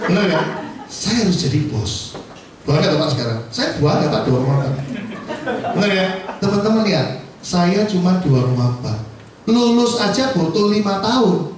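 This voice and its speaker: Man, motivational speaker, high voice, echoey hall, distant mic. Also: normal speed, background noise. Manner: joking, self-mocking, lively with laughs. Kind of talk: motivational talk to a class. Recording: echoey room, far from mic.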